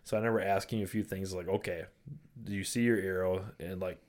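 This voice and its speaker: A co-host from Michigan, this man speaks quickly with a low, darkish voice and fairly even intonation. In casual conversational chat he reacts eagerly and enthusiastically, replaying his side of the conversation by quoting himself.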